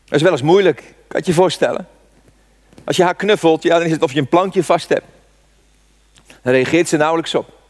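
A man's voice: a little high, fairly quick, pauses often. A man in his sixties preaching a sermon, telling a personal story with fervent rhetorical questions. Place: church. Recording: long church reverb.

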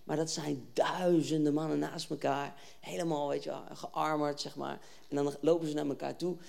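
A youth preacher giving a lively storytelling sermon, reading Bible verses and then retelling them in casual slang while acting out the scenes. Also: medium pitch, moderate pace, vocal fry.

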